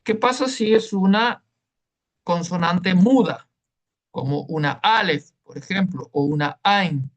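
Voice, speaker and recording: A man's voice: high voice, slow, highs cut off. A man teaching a Hebrew class online, explaining patiently and checking in with listeners as he goes.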